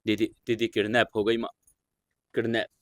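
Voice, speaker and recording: An actor playing a young male college student who is crying and speaks in a breathless, halting way. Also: lowish voice, monotone, dry recording, clean studio sound, lightly acted. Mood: sobbing.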